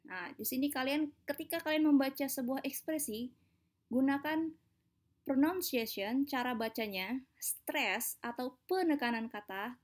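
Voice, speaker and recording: A woman from Indonesia teaching an English lesson, explaining patiently step by step with small hesitations. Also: a little high.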